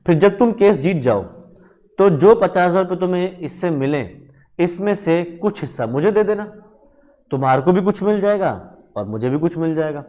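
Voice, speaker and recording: A teacher playing a coaxing, friendly schemer. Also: male voice, sits high, expressive, moderate pace, warm tone. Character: smooth-talking male schemer offering help.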